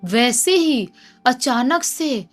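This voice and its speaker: A woman's voice: high voice, expressive, very slow, soft background music. Conversational woman telling a horror story. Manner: dramatic, conversational narration. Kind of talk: casual spoken storytelling.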